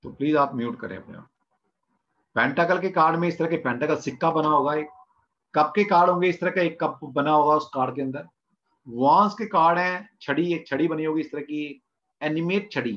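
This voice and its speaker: Over a lo-fi video call mic, a man with a high-leaning, fairly bright voice teaches an online tarot class. He asks his students questions, answers them himself, and repeats the terms.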